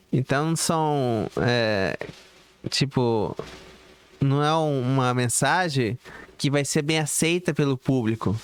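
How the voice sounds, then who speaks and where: A man rambles on to his viewers, circling back and restarting his sentences. His voice is smooth and clear, pitched in the middle. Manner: rambling, repetitive, with many fillers and restarts. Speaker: YouTuber. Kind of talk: rambling monologue to camera.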